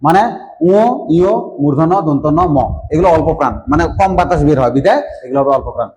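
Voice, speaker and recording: A male teacher talks fast through a grammar lesson in a slightly high voice, often asking whether his students follow. Faint background noise sits under his voice. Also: a little mellow, poor audio. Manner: explanatory, checks understanding often. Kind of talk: online Bengali grammar class.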